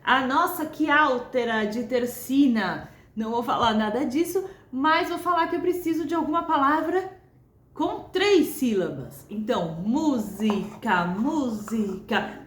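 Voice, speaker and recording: A Brazilian woman teaching music, explaining patiently and chanting rhythm words slowly. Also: sits high, echoey room, a little hiss or hum. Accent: Brazilian Portuguese. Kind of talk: video lesson.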